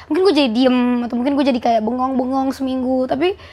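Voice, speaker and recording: A woman's voice: sits high, fast talker, darkish tone. A woman, hosting a candid conversation and reflecting emotionally in informal slang. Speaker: host.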